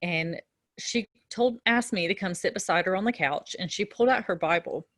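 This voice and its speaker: A middle-aged woman teaching nursing students in a relaxed lecture, telling a story from her own work with fillers and restarts. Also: on the low side, normal speed, dry recording, studio quality. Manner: conversational, with frequent fillers and restarts. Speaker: nursing instructor. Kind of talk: recorded lecture with a personal story.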